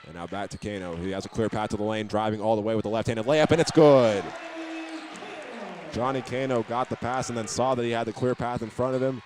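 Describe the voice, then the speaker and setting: Over crowd noise, an American play-by-play announcer calls a basketball game live. His voice is on the low side with fairly even intonation, and he talks fairly quickly, narrating each move in the present tense as it happens.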